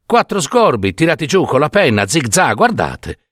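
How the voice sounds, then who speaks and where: A young country doctor speaks calmly and somewhat brusquely, in a low, lively voice, as a male narrator reads him. His steady manner fits a storybook audiobook, recorded dry with nothing in the background. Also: moderate pace, husky, dry recording, heavily acted. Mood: bemused. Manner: calm, soothing, a little brusque. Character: young village doctor, kind but firm. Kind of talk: dramatic audiobook reading.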